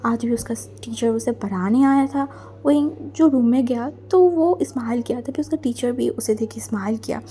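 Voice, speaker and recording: A woman's voice: on the high side, moderate pace, dark tone. A woman narrating a fan fiction story in a chatty, casual way, mixing in English words. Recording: faint background music.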